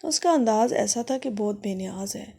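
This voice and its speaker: A woman narrating a story in the first person, in a steady and earnest way. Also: mid-range voice, gravelly, slightly rough.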